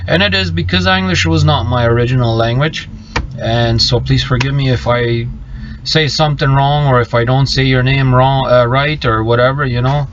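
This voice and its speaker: This Bolivian trucker, a middle-aged native Low German speaker, livestreams from his parked cab and responds to chat in a middle-pitched voice with fairly even intonation. His speech comes in halting bursts, with many fillers, restarted sentences and searching for words, and the sound is a bit muffled with light noise beneath.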